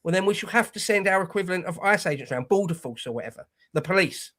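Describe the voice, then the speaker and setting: Brief: male co-host in his forties, slightly high voice, blunt, opinionated talk. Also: lively intonation, fast talker, a bit bright. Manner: blunt, opinionated, swears freely. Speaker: podcast co-host. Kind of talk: casual political chat.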